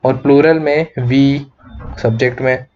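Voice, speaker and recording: A man's voice: medium pitch, steady tone, a little slow, a little mellow, a little hiss or hum. A man with an Indian accent teaching an online English grammar lecture, explaining in Hindi mixed with English, with many fillers and rhetorical questions. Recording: dull lo-fi recording.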